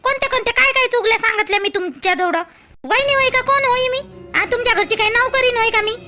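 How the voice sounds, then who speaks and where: A woman with a rural Maharashtra Marathi accent plays a wife in a village family skit. She sounds exasperated and complaining. Her voice sits very high, bright and sharp. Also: quick pace, faint music behind. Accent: Marathi dialect of rural Maharashtra.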